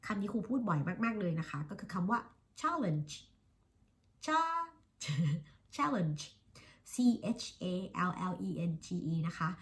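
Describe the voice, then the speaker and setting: Chatty Thai woman teaching English. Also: medium pitch. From Thailand. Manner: chatty, self-reflective, drills words slowly by repeating them. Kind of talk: casual vlog-style lesson.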